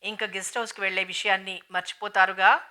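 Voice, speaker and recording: A woman voicing a stern, dignified matriarch who speaks in a calm, grave and measured way, in an audiobook novel reading. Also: medium pitch, natural voice.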